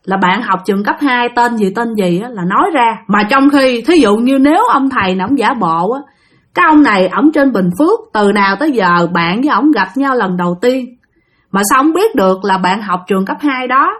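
A woman's voice: on the high side, lively intonation, a little fast. A woman telling listener-sent ghost stories in a chatty way, addressing her audience directly. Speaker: storyteller. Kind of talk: casual ghost story narration.

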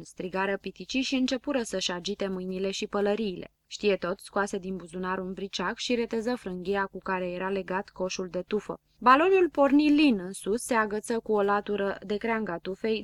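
A woman narrating a children's storybook in a lively storytelling manner. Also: mid-range voice, hardly any pauses, no echo. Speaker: audiobook narrator.

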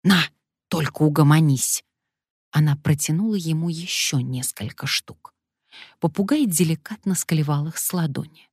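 A woman narrating an audiobook story in an even, measured way. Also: low-pitched, husky, dry recording, clean studio sound.

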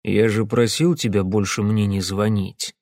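A man voicing a calm man on the phone whose voice is low and sleepy. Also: a little slow, no echo, studio quality.

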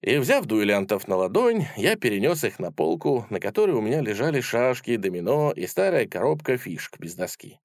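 A man reading a storybook aloud, narrating in a calm, measured way. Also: mid-range voice, no echo, studio quality. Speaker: audiobook reader. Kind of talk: storybook narration with voiced characters.

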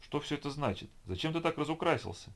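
A man's voice: steady tone, a little fast, a little mellow. A man voicing an anxious, distressed young woman who cries out in shock. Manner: shrill, shocked, pleading.

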